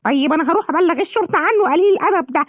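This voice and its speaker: A woman's voice: extremely high pitch, lively intonation, rapid-fire. A woman with an Egyptian accent voicing an indignant mother hen, wailing and complaining. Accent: Egyptian Arabic. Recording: dull lo-fi, clear background noise.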